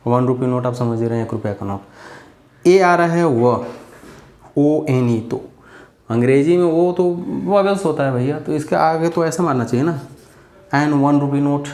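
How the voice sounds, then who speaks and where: A man's voice: fairly high pitch, unhurried, pauses often, darkish tone, roomy sound. A man giving a casual grammar lesson, chatty and repetitive as he drills examples. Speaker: English grammar teacher.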